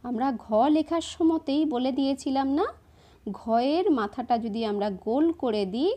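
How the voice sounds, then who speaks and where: A woman, slowly and patiently explaining each step of writing letters to children. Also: sits high, warm tone. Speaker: teacher. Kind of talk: handwriting lesson for children.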